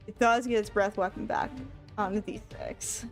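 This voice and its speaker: A woman running a tabletop roleplaying game as dungeon master, unhurried and laughing often. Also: mid-range voice, steady tone, soft background music.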